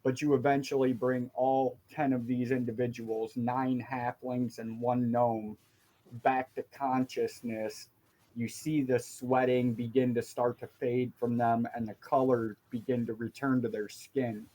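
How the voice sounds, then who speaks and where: A man's voice: mid-range voice, little pitch movement, unhurried, mellow, rough recording. A man running a tabletop game as dungeon master, explaining rules and describing scenes.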